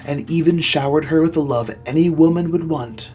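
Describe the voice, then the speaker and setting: This comedy host's fairly high, slightly mellow voice moves at a normal pace as he gives a theatrical reading of fan fiction, cutting in with mock-outraged, exasperated asides. Soft background music accompanies him.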